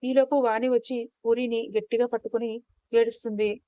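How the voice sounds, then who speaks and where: A woman reading a scripted story in a steady, plain narrating manner. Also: fairly high pitch, normal speed, no echo. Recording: dull, dry lo-fi recording.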